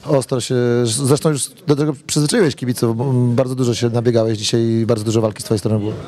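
A man's voice: mid-range voice, fairly even intonation, fast, dark tone. A man asking a footballer post-match questions, stumbling over words with fillers. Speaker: sports reporter.

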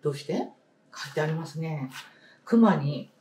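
A woman teacher leading a read-aloud lesson, speaking slowly and emphatically, repeating key words and asking the class questions. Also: low voice, expressive, mellow, a little hiss or hum. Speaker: primary school teacher. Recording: roomy sound, distant mic.

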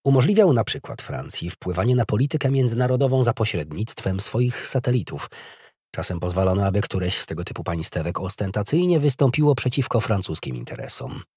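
A man narrating an audiobook in a measured, expressive reading. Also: on the low side, breathy edge, no room sound, studio quality. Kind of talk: scripted narration.

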